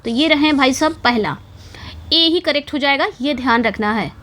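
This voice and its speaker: A woman's voice: high voice, normal speed, fairly bright tone, a little hiss or hum. A woman teaching an English exam-prep lesson, explaining step by step with frequent check-ins to her students. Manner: explains step by step, checks in with "ठीक है" and "समझ में आ गया".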